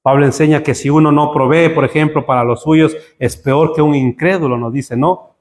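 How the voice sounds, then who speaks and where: A man preaching a sermon to his congregation, joking with them and building to emphatic high peaks. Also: steady tone, moderate pace. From Spain. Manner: humorous, rising to emphatic peaks. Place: church hall. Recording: echoey church hall.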